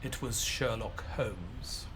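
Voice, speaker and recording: An actor playing Dr. Watson, an earnest Victorian gentleman doctor, in a measured, dramatic audio play style over background ambience. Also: fairly low pitch, background noise. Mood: sombre narration.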